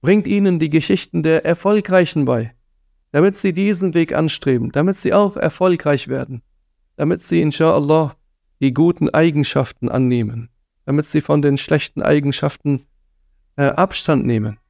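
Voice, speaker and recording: A man's voice: fairly high pitch, moderate pace, gravelly, a little mellow, no echo, studio quality. A man giving an earnest religious talk on parenting, admonishing his listeners and sprinkling in Arabic phrases. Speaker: preacher.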